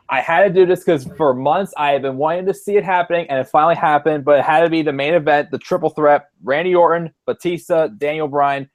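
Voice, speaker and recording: A relaxed man on a podcast. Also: on the high side. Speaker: co-host. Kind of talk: casual podcast chat.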